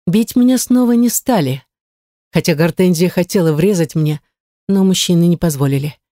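A woman's voice: fairly low pitch, normal speed, dark tone, no room sound, clean studio sound. A woman narrating an audiobook in a tense, dramatic storytelling manner. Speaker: audiobook reader.

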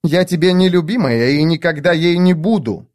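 A man voicing a stern high priestess who speaks in a curt, exasperated way. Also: moderate pace, darkish tone, close to an everyday voice.

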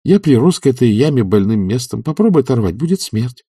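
A man reading an audiobook, voicing a weary, apathetic middle-aged gentleman who talks in a soft, pleading, subdued way. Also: medium pitch, big pitch swings, fairly quick, husky, no room sound, clean studio sound, recorded from a distance, voice pushed up. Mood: resigned.

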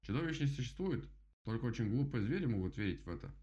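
A man voicing a pompous, bossy male beaver in a storybook, speaking slowly and self-importantly. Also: medium pitch, expressive, dark tone, voice pushed up, lightly acted. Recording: dull lo-fi audiobook recording.

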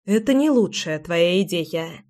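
A woman voicing a guarded young woman who answers with sharp, suspicious retorts. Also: fairly low pitch, expressive, measured pace. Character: wary, prickly young woman recovering from a wound.

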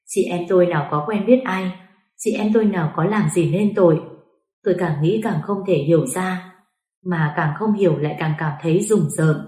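A woman reading a first-person story aloud as an audiobook narrator, with steady, emotional delivery. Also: fairly low pitch, normal speed. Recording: roomy echo.

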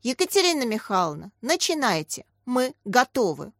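A woman's voice: fairly high pitch, very animated, normal speed, a bit bright, no room sound, clean studio sound, full character voice. A woman voicing a chatty, clever schoolboy who argues eagerly and exclaims often. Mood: lively.

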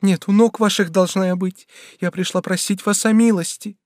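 A man's voice: sits high, fairly even intonation, moderate pace, a little mellow, no echo, clean studio sound, pitched above the performer's own voice, natural voice. A man reading an audiobook voices a timid, desperate young woman pleading with a prince, in a raised, strained voice. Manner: pleading and tremulous.

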